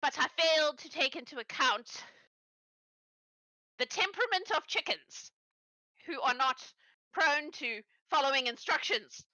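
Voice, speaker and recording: A small male goblin tinkerer, frantic and rambling, his voice shooting up high and bright into panicked yelps , played by a woman. The dry sound has no room echo. This is tabletop game role-play. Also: a little slow, pauses often.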